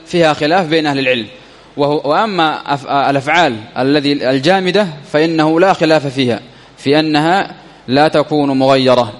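A man's voice: a little high, fast talker, big-room sound. A man teaching an Arabic grammar lesson. He reads from a text, asks his students questions and repeats points as he explains them. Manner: reads a passage, then explains it with questions and repetition.

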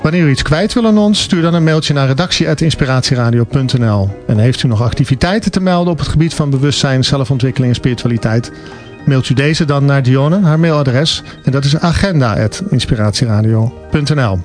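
A man hosting a radio show from the studio, relaxed and a bit halting as he reads out the sign-off. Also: medium pitch, faint music behind. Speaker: radio host.

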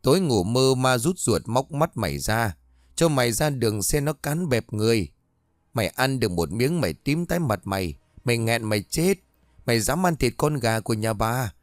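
A man voicing a foul-mouthed old village woman who rants shrill curses in a spoken ghost story. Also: very animated, normal speed, no echo, clean studio sound, lightly acted. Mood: furious.

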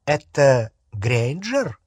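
A male audiobook reader voicing a shrill, fanatical female dark witch who shrieks and hisses. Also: sing-song, very slow, breathy edge, no room sound, exaggerated voice. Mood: imperious. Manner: shrieking, hissing.

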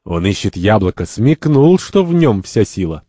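A man's voice: on the low side, very animated, normal speed, mellow, no room sound. A man voicing a cocky, carefree male libertine who embodies freedom, in a stage-play reading. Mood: brash. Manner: brash, mocking.

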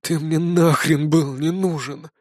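A tired, crafty old shaman hisses and wheedles his way through the scene, as a male narrator puts him on. His hoarse, fairly high voice sits close to the mic in a dry recording with no room sound. This is an audiobook character, scheming and pushy. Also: fairly even intonation, unhurried, a little mellow, dry recording. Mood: sullen. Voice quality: hoarse, hissing. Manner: sullen, then pushy and wheedling.

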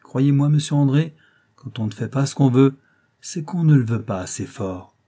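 A man's voice: medium pitch, animated, normal speed, warm tone, pitched above the performer's own voice, lightly acted. A man reading a novel aloud and voicing a proud, strong-willed young actress who speaks curtly and with command. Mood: defiant. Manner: curt, commanding, defiant.

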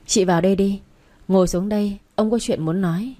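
A woman reading the part of a gruff middle-aged man who heads the household and speaks in a bossy, scolding way, in a narrated story. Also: mid-range voice, brisk, mellow, lightly acted. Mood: calm.

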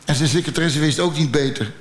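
A man with a Dutch accent doing stand-up storytelling, blunt and profane with a deadpan delivery. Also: a little high, quick pace, echoey room. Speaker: stand-up comedian.

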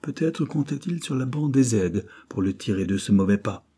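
A man narrating an audiobook in a steady, even reading voice. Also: mid-range voice, moderate pace, husky. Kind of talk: audiobook reading of a classic novel.

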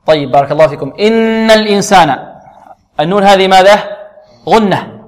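A man teaching Quran recitation who asks the class questions, answers them himself, and repeats words slowly for practice. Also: high voice, animated, big-room sound.

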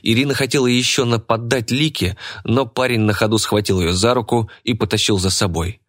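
A man narrating an audiobook in a steady, even reading voice. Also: mid-range voice, a little fast, dry recording, studio quality.

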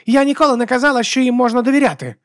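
A man reading an audiobook voicing a sharp, cynical tough woman. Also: very high voice, rapid-fire, dry recording, studio quality, pitched above the performer's own voice. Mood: sarcastic. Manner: sharp, sarcastic.

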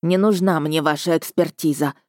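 A woman voicing a weary, misanthropic older male goblin with a grating voice and loud, exasperated delivery. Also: low voice, steady tone, moderate pace, no echo, clean studio sound, natural voice. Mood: tearful.

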